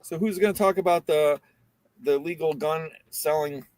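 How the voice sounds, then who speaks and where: A man's voice: on the high side, normal speed, noisy background. A man co-hosting a casual chat, joking and teasing the others and laughing often. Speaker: co-host.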